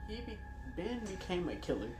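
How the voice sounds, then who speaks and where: This host of an online video has a high-pitched, very animated voice and keeps a moderate pace, explaining things in a casual, offhand way and stumbling over words at times. Music sits behind him amid roomy echo.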